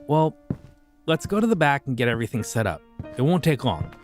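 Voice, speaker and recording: In an audio roleplay, a voice actor plays a friendly yet creepy young occult shopkeeper who chats easily and casually about dark rituals. His mid-range voice sounds natural and very animated, moving briskly over soft background music.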